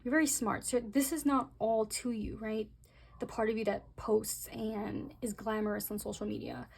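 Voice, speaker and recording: Woman doing a casual tarot reading, husky voice with lots of vocal fry, fast and rambly, talks right at the viewer. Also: fairly high pitch, darkish tone. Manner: chatty, rambling, speaks straight to viewers; talks fast by her own account. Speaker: tarot reader.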